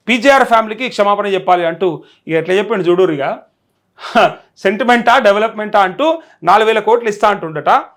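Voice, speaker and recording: Male live news host, high voice, quick delivery, Telangana accent, challenging conversational commentary. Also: fairly bright tone. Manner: challenging, rhetorical questioning of viewers. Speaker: journalist hosting a live call show.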